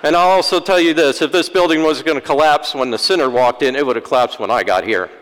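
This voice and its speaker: A priest delivering a sermon in a church, with wry, self-deprecating humor. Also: male voice, on the high side, fast, fairly bright tone. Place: church sanctuary. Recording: long church-hall reverb.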